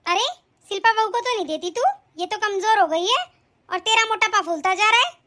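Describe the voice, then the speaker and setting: A woman voicing a scornful mother-in-law, very high. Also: fairly quick, bright, forceful tone. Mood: spiteful. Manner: taunting, bossy. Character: scolding older mother-in-law, harsh and spiteful. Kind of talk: animated family drama voice acting.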